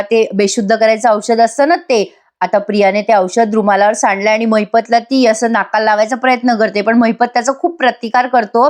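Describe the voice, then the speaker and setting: Woman, voice-over episode reviewer; chatty, addresses viewers directly, slightly high voice. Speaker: TV serial reviewer.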